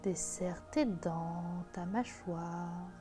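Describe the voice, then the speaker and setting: A woman guiding a relaxation meditation in a soft, hushed, intimate voice, as if speaking right in your ear. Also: on the low side, very slow. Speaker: sophrology guide. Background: music.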